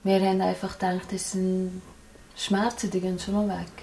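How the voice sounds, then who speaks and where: A woman recalling her childhood in a quiet personal testimony. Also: fairly low pitch, little pitch movement, normal speed, creaky, a little hiss or hum. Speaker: interviewee, survivor of violence. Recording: distant mic, faint background.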